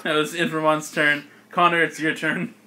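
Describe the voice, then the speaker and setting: A man's voice: fairly high pitch, moderate pace, a little hiss or hum. A young man running a tabletop game as game master, narrating with lots of laughter. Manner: animated, laughing often.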